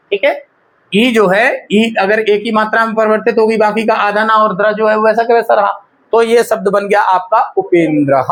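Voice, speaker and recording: Teacher walking a class through a lesson. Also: medium pitch. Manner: explains step by step, checks in with "ठीक है".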